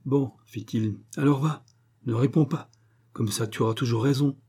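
A husky-voiced man playing an indignant, exasperated middle-aged bourgeois husband in an audiobook reading. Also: mid-range voice, normal speed, warm tone, natural voice. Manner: indignant, protesting.

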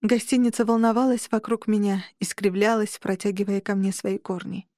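A woman reads an audiobook aloud in the first person, measured and tense. Her voice sits at an ordinary middle pitch for a woman. The recording is close and very dry. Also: fairly even intonation, mellow, dry recording. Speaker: audiobook narrator. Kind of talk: scripted first-person narration.

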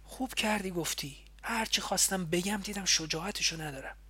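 A man's voice: sits high, slightly rough, voice pushed up, exaggerated voice. A man reading an earnest young man who argues urgently and insistently. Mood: gentle. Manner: urgent and insistent, rising to loud protest.

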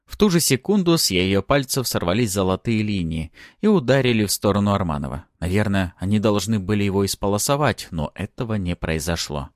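A man narrating a first-person fantasy audiobook in a dramatic, expressive reading. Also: lowish voice, fairly quick, hardly any pauses, dry recording, studio quality.

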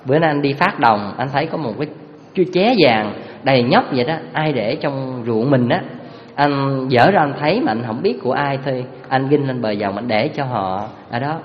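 Brief: man playing a timid farmer husband, low and quiet, in an echoing hall. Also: animated, moderate pace, highs cut off, close to an everyday voice. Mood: meek. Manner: soft, low, hesitant. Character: meek, honest farmer husband, adult man.

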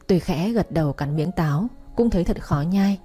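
A woman narrating a story with a steady, measured reading. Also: on the low side, breathy edge, soft background music. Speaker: audiobook narrator.

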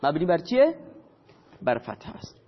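A high-pitched man teaching a grammar lesson, putting questions to his class and answering them himself. The recording is dull and lo-fi, with a long reverb trailing his words. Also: wildly swooping pitch, a little hiss or hum. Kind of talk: explaining grammar to students.

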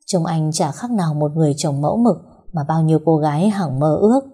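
A woman telling a first-person story in a soft, steady reading voice. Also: low-pitched, fairly quick, husky.

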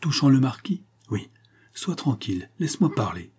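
A man's voice: mid-range voice, big pitch swings, normal speed, a little mellow, husky. A man reading a sly, cheerful and scheming male accomplice in an audiobook, with a mocking, easygoing manner.

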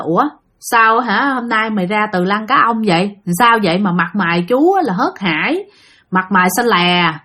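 A woman with a Southern Vietnamese accent telling a ghost story, talking straight to her listeners. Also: a little high. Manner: animated, talks straight to listeners. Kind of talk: spoken ghost story narration.

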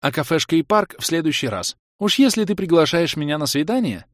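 Guy reading doing a pushy young woman, brisk and bossy, lively up and down, audiobook. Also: fairly high pitch, dry recording, clean studio sound, voice pushed up, lightly acted. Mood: bold teasing. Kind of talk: audiobook character voice.

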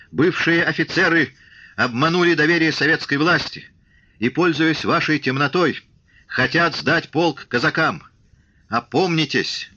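Man doing a hoarse fiery agitator. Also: fairly high pitch, bright, forceful tone, lo-fi sound, voice pushed up, heavily acted. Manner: rousing, declaiming oratory. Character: hoarse male agitator, commanding and fierce.

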